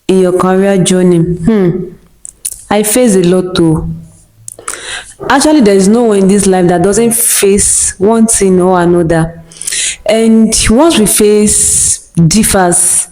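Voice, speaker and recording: A young woman from Nigeria speaks with a Nigerian accent, reading out each viewer question before answering it. She talks at an unhurried, deliberate pace. Her voice has a mellow, darker tone, and her pitch sits in the middle range. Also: low-quality recording. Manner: slow and deliberate, reads each question aloud before answering with short laughs. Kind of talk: scripted question-and-answer monologue.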